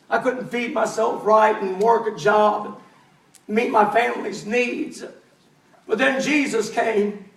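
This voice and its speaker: A man's voice: very high voice, creaky, full character voice. A preacher doing a grateful man with a healed hand. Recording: echoey church, mic at a distance.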